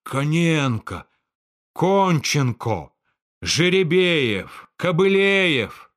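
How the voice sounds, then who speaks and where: A man voicing a forgetful, deferential old estate steward who slowly mutters to himself, in a storybook reading. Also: medium pitch, big pitch swings, a bit bright. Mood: puzzled.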